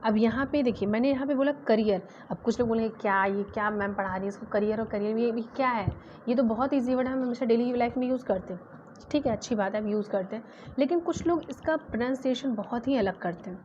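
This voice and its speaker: A woman's voice: on the high side, fast talker, a little mellow. Female grammar teacher, patient, spells words aloud letter by letter; dull lo-fi recording with faint hiss. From India. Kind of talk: exam-prep grammar lesson. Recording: dull lo-fi sound with faint noise.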